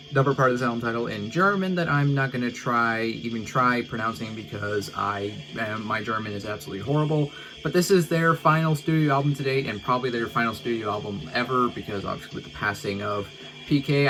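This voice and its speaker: A man's voice: mid-range voice, fairly bright tone, rough recording. A man casually ranking albums on his own channel, talking in a loose, rambling way full of "like" and "uh". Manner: rambling, laid-back, lots of "like" and "uh". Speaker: music reviewer.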